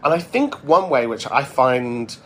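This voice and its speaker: British male host, mid-pitched, conversational and reflective, casual podcast delivery. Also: big pitch swings, unhurried, slight background noise. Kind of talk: casual chatty monologue answering listener messages.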